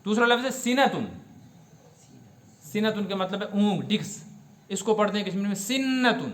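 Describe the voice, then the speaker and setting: بلند آواز، گونجتا ہوا کشمیری لہجے والا بزرگ مفتی. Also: male voice, sits high, fairly bright tone, reverberant. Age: older. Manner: explanatory, asks the audience questions and repeats Arabic words slowly. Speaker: mufti teaching Quran commentary. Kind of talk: religious lesson.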